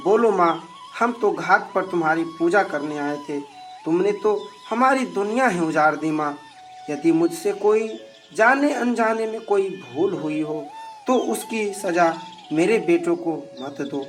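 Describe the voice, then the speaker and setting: A narrator voicing a devout old mother-in-law in a devotional folk story, with slow, earnest delivery. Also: medium pitch, lively intonation, soft background music, natural voice. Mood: grieving.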